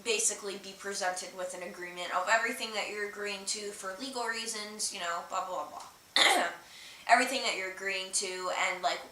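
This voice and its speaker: A woman hosting a livestream chats off the cuff in a bright, forward, mid-range voice at a moderate pace, explaining things and reading out viewer comments. She rambles informally with many hesitations and filler words. The sound is roomy and distant from the mic, with a faint hiss in the background.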